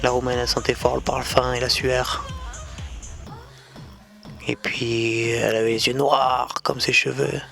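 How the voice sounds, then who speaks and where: Man, gravelly and low-key storyteller, slow and halting, faint music underneath. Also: flat delivery, a bit bright. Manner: slow, halting delivery with many fillers. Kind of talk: storytelling anecdote.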